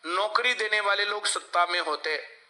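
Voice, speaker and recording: A man's voice: sits high, moderate pace, pushed and bright. A male coaching teacher, lecturing a class and often asking the students to answer him. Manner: lecturing, asks class for replies.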